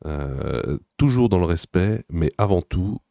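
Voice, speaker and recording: A man hosting a reaction video, making sarcastic, deadpan comments. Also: low voice, measured pace, creaky, no room sound, studio quality. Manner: mocking, deadpan asides.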